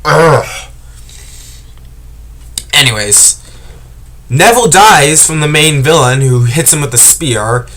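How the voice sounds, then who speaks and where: A man's voice: a little high, expressive, moderate pace, hardly any pauses, a bit bright. Tearful man rambling to camera. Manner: rambling, hesitant, with many restarts and fillers. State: tearful, choked up. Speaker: vlogger. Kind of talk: emotional casual monologue to camera.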